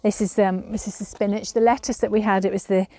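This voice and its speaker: Recorded on a camera mic as she walks outside, a woman in her thirties gives a relaxed tour of her garden and greenhouse at home. She speaks fast in a warm, medium-pitched voice with flat delivery, chatting hesitantly and using many fillers.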